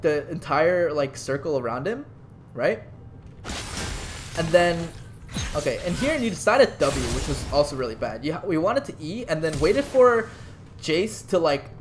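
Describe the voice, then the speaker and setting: A man's voice: fairly high pitch, a little hiss or hum. Man coaching over a game replay. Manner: conversational, restarts sentences, swears casually. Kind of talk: casual gameplay analysis commentary.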